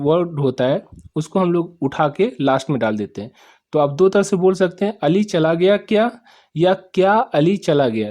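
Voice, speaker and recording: A man teaching English sentences in Hindi, repeating each phrase slowly, spelling out words and often asking if students understood. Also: fairly high pitch, dark tone. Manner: repeats each sentence slowly, checks "samajh mein aa gaya?"; spells and sounds out words letter by letter. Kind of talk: spoken English lesson explained in Hindi.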